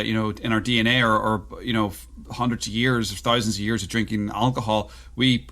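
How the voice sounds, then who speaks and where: A man's voice: medium pitch, fairly bright tone. A man hosting a podcast, telling rambling, anecdotal stories in casual conversation. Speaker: podcast host.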